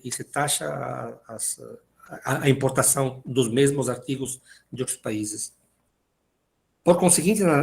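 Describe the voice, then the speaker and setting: A man's voice: mid-range voice, gravelly, darkish tone. A man giving a philosophy lecture, reading passages aloud and explaining them, often repeating words as he hesitates. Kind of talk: university lecture.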